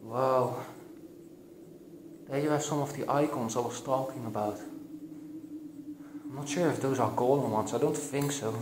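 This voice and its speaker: An urban explorer vlogger, young and Belgian-accented, murmurs excitedly to his audience as he moves through an abandoned building's echoing halls and attic, scattering fillers throughout. Medium-pitched and unhurried, he pauses often. Background noise comes through on his handheld or body-worn action camera.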